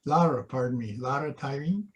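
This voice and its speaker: A man hosting an online club meeting, reading out birthdays and handing over to a speaker in a relaxed, hesitant way. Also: mid-range voice, moderate pace. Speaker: meeting host. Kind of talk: meeting chair announcements.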